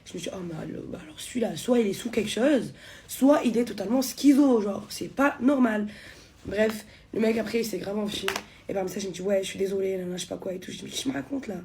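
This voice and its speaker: Fast-talking young woman telling a heated story. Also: medium pitch, a little mellow, slight background noise. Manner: fast, heated, acts out both sides of a quarrel. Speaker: content creator telling a story. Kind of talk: casual storytime to camera.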